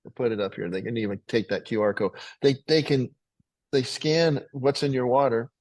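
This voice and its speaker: Man, middle-aged, company founder, webinar sales pitch, folksy, rambling, self-correcting, dry sound. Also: fairly even intonation, moderate pace, a little mellow, no room sound, rough recording. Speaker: water filtration company founder.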